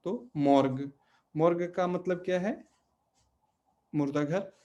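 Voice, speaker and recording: A man's voice: high-pitched, mellow, muffled recording. A man teaching a language class, explaining step by step and often checking in with his students. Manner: slow, explains step by step, many fillers and check questions. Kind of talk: online language lesson.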